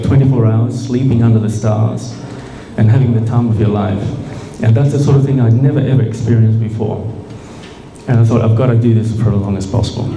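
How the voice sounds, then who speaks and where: A man's voice: mid-range voice, mellow. A middle-aged man telling a rambling personal story live on stage, often asking the audience questions. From Peru. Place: small bar venue, live audience. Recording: echoey room with faint noise.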